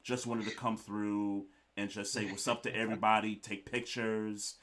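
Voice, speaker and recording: A man's voice: lowish voice, level tone, moderate pace, fairly bright tone, a little hiss or hum. A man co-hosting a sports podcast, telling stories and teasing his guest in casual chat. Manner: storytelling, playful ribbing. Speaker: podcast co-host.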